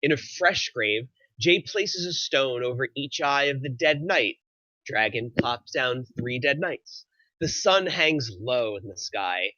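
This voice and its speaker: Reading stage directions as the table read's narrator, a man takes a slow pace with lively intonation. His voice is medium in pitch, bright and crisp, captured in a dry, slightly dull recording without echo.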